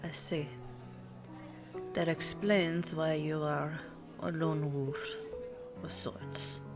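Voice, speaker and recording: In an intimate ASMR roleplay, a woman voices a pure-blood vampire girlfriend who is ageless but looks twenty-nine, teasing and worldly, with a deep, exaggerated voice that barely moves in pitch. Unhurried and reminiscing, she muses aloud in a one-sided conversation and hums before answering, over soft music and cafe ambience.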